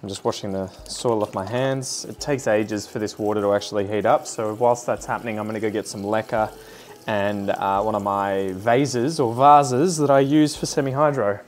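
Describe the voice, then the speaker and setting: Doing chores among the houseplants in his lounge room, this Australian plant vlogger in his thirties chats casually, thinking out loud. He speaks low at a moderate pace, with slight background noise.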